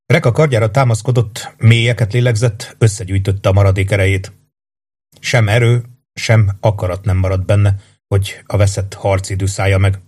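A man narrating a fantasy audiobook in a steady, measured reading. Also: fairly low pitch.

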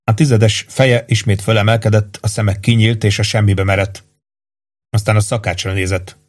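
A man reading a novel aloud in an even, measured narration. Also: on the low side. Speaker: audiobook narrator. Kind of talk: scripted narration.

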